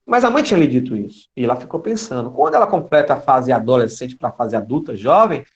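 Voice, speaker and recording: A man giving an online spiritist lecture in an expressive storytelling manner, with dramatic shifts in his voice. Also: medium pitch, quick pace. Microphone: computer mic on a video call. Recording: dull lo-fi online call audio.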